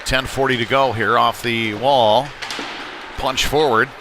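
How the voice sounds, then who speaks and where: A man with a medium-pitched voice and fairly even intonation calls a youth hockey game live at a measured pace. He keeps it folksy and conversational, adding analytical asides, while the noisy rink fills the background.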